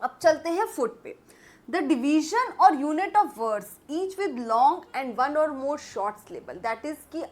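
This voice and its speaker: A young woman teaching English literature in a patient classroom-style lecture, slowly reading English definitions and explaining them. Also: high-pitched, sing-song. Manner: explains patiently, calls students "beta", slow English read-outs.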